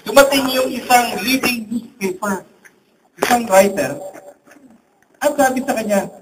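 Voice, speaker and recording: A man's voice: extremely high pitch, unhurried. A man preaching as a priest, telling humorous stories in a sermon in a large church. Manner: humorous storytelling with jokes. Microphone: recorded from among the congregation. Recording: distant church recording, faint hum.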